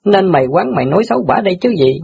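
A man's voice: sits high, big pitch swings, rapid-fire, gravelly, darkish tone, slightly rough, heavily acted. A man doing a cheeky street newspaper boy. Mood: teasing. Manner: brash, teasing banter. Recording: dull lo-fi audio.

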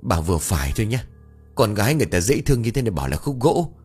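A man playing a kindly, stubborn village man near fifty who coaxes a child gently and bickers with his wife. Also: fairly low pitch, big pitch swings, fast, slightly rough, faint music behind. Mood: coaxing.

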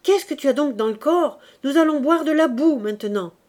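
A woman's voice: sits high, expressive, normal speed, a little mellow, voice pushed up. A woman reading aloud voices a busy laundry owner woman, speaking in a raised, emphatic voice. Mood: scolding.

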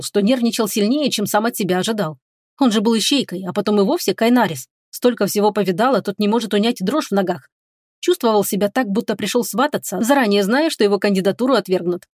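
Audiobook narrator: woman, even middle voice, dry studio read. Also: medium pitch, no room sound. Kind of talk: scripted fantasy narration.

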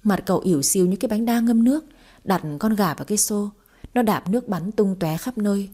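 A woman narrating a story aloud in a lively storytelling manner. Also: mid-range voice, fairly quick. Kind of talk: audiobook narration.

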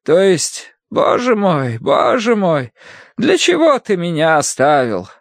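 A man voicing a stern, pious older woman who reads scripture aloud slowly and gravely. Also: fairly high pitch, huge pitch swings, dry recording, studio quality, pitched above the performer's own voice, full character voice. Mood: declaiming. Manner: slow, grave, declaiming.

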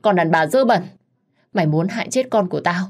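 A woman voicing a scheming pregnant young mistress who whines and snaps in a sharp tongue. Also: low voice, steady tone, a little fast, husky. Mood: shrill.

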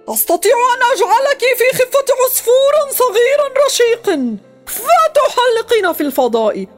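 Listen to this crafty jinn from a storybook tale, put on by a woman narrator, squeaking very high and swinging his pitch up and down as he bargains. He sounds shrewd and tempting. Soft music plays underneath. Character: cunning male jinn of impossible dreams. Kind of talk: storybook voice acting.

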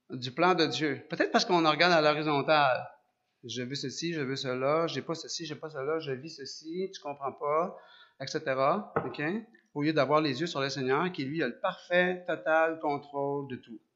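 A man with a Quebec French accent preaching a sermon, animated, asking rhetorical questions and often restarting his sentences. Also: fairly high pitch, normal speed. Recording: dull lo-fi recording.

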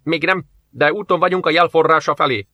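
A man voicing a hot-tempered male first officer who gives sharp, commanding orders. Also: on the high side, steady tone, dry recording, lo-fi sound, voice pushed up. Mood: stern.

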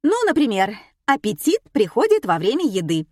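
A flustered female radio quiz host, as a woman reading the book puts her on, squeals and lectures her caller in a pitch far above the reader's own. The sound is dry and close. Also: wildly swooping pitch, moderate pace, no room sound. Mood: exasperated. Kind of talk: audiobook character voice.

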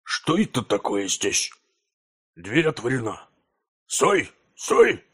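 A male narrator voicing a gruff, rough-voiced night watchman. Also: medium pitch, sing-song, slow, a bit bright, heavily acted. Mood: alarmed.

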